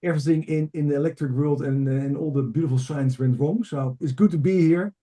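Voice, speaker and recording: A middle-aged leadership coach from Amsterdam, a native Dutch speaker with a Dutch accent, tells his story conversationally as a podcast guest. His voice is on the high side, fairly quick and dark in tone.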